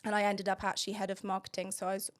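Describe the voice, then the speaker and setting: A talkative woman in her thirties, from England, telling her career story as a podcast guest. Her pitch sits in the middle, and she rambles cheerfully and breaks into laughter along the way. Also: completely flat delivery, very fast. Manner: talkative, laughs often, long-winded. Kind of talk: casual chat.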